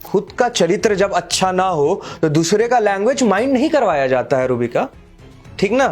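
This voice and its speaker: Guy doing an arrogant rich young man, preachy and scornful, fairly high voice, soft music under it. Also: sing-song, moderate pace. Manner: scornful, lecturing, raises voice in arguments. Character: arrogant wealthy young man, contemptuous and moralizing. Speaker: actor playing Sahil, a rich boyfriend. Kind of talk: Hindi short-film drama acting.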